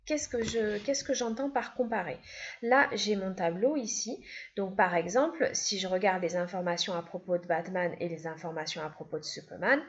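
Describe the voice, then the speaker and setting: A woman teaching an English grammar lesson, patiently repeating each step. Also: medium pitch. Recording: dull, lo-fi sound.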